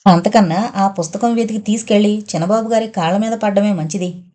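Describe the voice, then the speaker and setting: Woman narrator voicing a nervous, humble male servant, quiet and mellow, audio novel. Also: mid-range voice, brisk, lightly acted. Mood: fearful muttering. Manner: humble, muttering to himself. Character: fearful male household servant.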